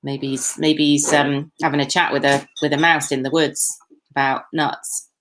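A woman in her forties hosts a live online session from her kitchen, talking through a laptop webcam. She chats casually, jokes and fills gaps with lots of ums. Her voice sits fairly low for a woman. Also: flat delivery, moderate pace, fairly bright tone. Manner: chatty, jokey, frequent fillers and laughs. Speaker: online festival host. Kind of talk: casual live-stream chat. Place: home kitchen. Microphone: laptop webcam video call.

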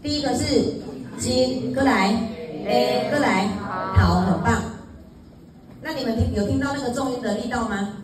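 A woman's voice: fairly high pitch, moderate pace, long pauses, a crowd in the background. A woman teaching a singing class, coaching, counting in and singing short demonstrations. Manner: mixes talk with sung demonstrations, coaching and counting in. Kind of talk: singing lesson. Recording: echoey room, far from the mic, with background noise.

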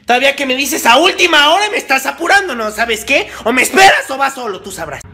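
A woman's voice: sits high, big pitch swings, fast, bright, forceful tone, a little hiss or hum. A woman with a Mexican Spanish accent acting out exaggerated comedy sketches, switching between mother and child roles.

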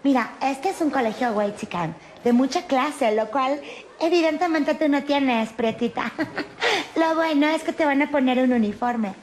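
A woman's voice: sits high, normal speed, slight background noise, close to an everyday voice. A woman playing a snobbish, classist rich schoolgirl in a telenovela parody, with a whiny, posh Mexican accent and sneering delivery.

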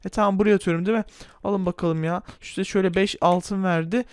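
A man's voice: high voice, steady tone, quick pace, clear, resonant tone, no echo. A man hosting a comic game role-play, narrating to viewers in a playful, whiny way with frequent laughs. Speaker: gaming video host.

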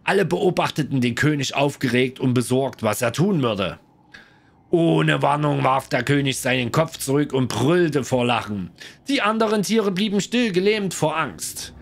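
A man's voice: fairly high pitch, moderate pace, gravelly. A man streaming a game, chatting with viewers and reading in-game lore aloud. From Germany. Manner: chatty, lively, addresses viewers. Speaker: let's play streamer.

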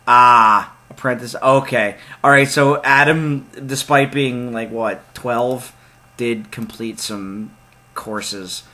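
In this casual let's play, a young man reads a point-and-click game's text out loud and cracks jokes in excitable asides. His medium-pitched voice moves at a slow pace.

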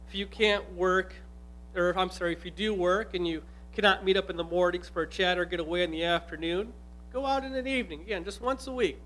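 A man's voice: high voice, fairly bright tone. A man in his forties, a pastor giving an earnest, conversational sermon from a pulpit in a church hall. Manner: earnest, conversational preaching with asides. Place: church hall with altar table. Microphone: stand microphone at pulpit.

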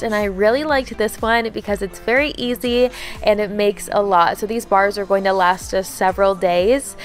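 Chatty young woman narrating a cooking vlog. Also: mid-range voice. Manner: chatty, upbeat, explains each step. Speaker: home vlogger.

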